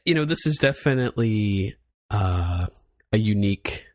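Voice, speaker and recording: A low-voiced man co-hosts a casual music review podcast. He hesitates often and restarts while searching for the right words. The sound is dry and close. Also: expressive, moderate pace, dry recording. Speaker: podcast co-host.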